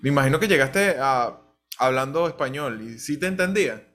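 Man, podcast host, casual chat, short agreeing replies, soft music in background. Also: medium pitch, animated, fairly quick. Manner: brief agreeing interjections, easy laughter.

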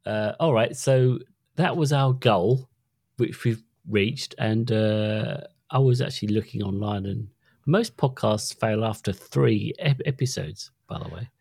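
A man's voice: lowish voice, unhurried, vocal fry, a little mellow, husky, no room sound, clean studio sound. A middle-aged man co-hosting a podcast in casual chat, easygoing and chatty. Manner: chatty, easygoing, with stumbles and restarts. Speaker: podcast co-host.

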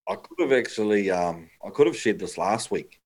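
Casting: male podcast co-host, broad Kiwi accent, lowish voice, slangy and blokey anecdote-teller. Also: lively intonation, moderate pace, darkish tone. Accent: broad New Zealand. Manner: blokey, slangy, sweary storytelling. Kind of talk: casual anecdote-telling on a podcast.

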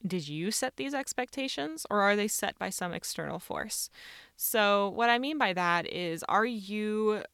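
A woman's voice: medium pitch, fairly bright tone, clear, resonant tone, no room sound, clean studio sound. A young woman recording inside a small closet, giving earnest self-help advice in a chatty, casual way with many fillers. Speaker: self-help video host. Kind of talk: casual advice talk to camera.

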